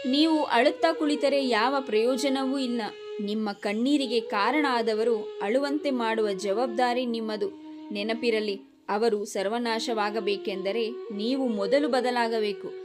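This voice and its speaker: A woman delivers scripted motivational narration in an unhurried, deliberate cadence, her voice sitting a little high. She speaks in a grave, admonishing tone, addressing the listener directly. Clear background music runs beneath her voice the whole time.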